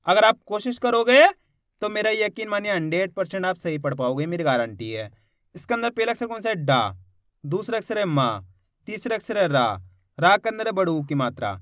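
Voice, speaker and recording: A man teaching a reading lesson, slowly sounding out each syllable and encouraging viewers to follow along. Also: sits high, fairly bright tone, no room sound, clean studio sound. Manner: slow, syllable-by-syllable spelling out of words; addresses viewers directly as friends, encouraging.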